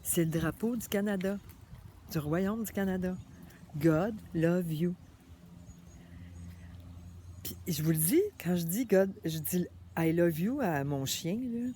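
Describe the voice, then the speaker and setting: A woman with a Québécois French accent, chatting casually straight to her viewers in an animated, familiar way. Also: fairly low pitch, normal speed, a little hiss or hum. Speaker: vlogger.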